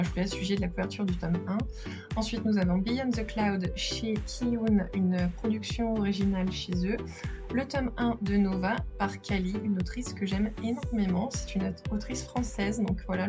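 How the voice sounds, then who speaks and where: A woman's voice: mid-range voice, steady tone. Chatty French woman touring her shelves. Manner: chatty, enthusiastic, filmed while handheld, with filler pauses. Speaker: manga collector vlogger. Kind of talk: casual shelf-tour vlog. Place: at home by bookshelves in the living room. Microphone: handheld camera. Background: background music.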